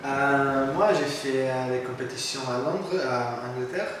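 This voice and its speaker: A man with a Portuguese accent answering casual interview questions in halting, non-fluent French with a foreign accent. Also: mid-range voice. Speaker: interviewee, competitive physique athlete. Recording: echoey room, distant mic, faint noise.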